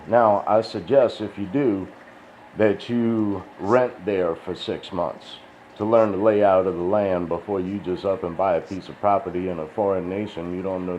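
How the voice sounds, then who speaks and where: A crypto video host rambles through a casual, profane, folksy monologue in a low, mellow male voice, sounding tired and dry-mouthed. The recording is dull and lo-fi, with a faint hiss.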